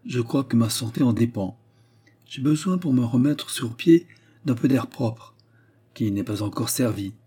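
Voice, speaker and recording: A man voicing a feverish, restless young gentleman who talks in agitated, breathless bursts in an audiobook. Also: medium pitch, measured pace, husky. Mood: feverish, rambling. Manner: agitated, breathless, rambling speech. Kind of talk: audiobook character reading.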